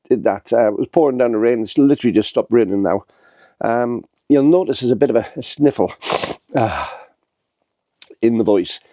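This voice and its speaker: Congested with a head cold, a man in his sixties from northern England chats to camera in a rambling, casual vlog full of fillers and restarts. His mid-range voice is warm, and the recording is dry and studio quality despite coming from a small handheld camera.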